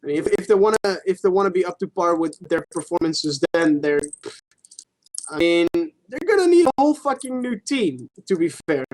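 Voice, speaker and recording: A podcast co-host chats casually about sports, informal and sweary, hedging as he argues. His high-pitched, darkish voice has lively intonation at a moderate pace. The audio is poor.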